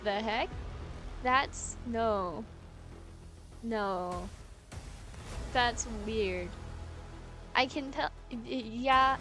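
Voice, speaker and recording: A woman's voice: fairly high pitch, extremely slow, long pauses, a bit bright, faint music behind. A woman live streaming in casual chat, rambling, giggly and playfully argumentative, often correcting herself mid-thought.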